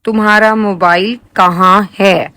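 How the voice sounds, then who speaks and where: A woman reading short example sentences aloud in a lesson, in a flat, even tone. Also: medium pitch. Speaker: prompt reader.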